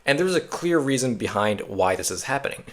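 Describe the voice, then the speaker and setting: Young man, direct-to-camera coaching, emphatic, energetic, fillers and restarts, medium pitch. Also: a little fast. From Japan. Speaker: Japanese coach and interpreter.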